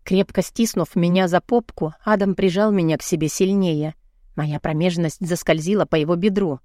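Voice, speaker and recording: Reading aloud at a moderate pace, a female audiobook narrator performs a novel told in the first person, with expressive delivery that rises high whenever the heroine speaks. It's studio quality with no echo.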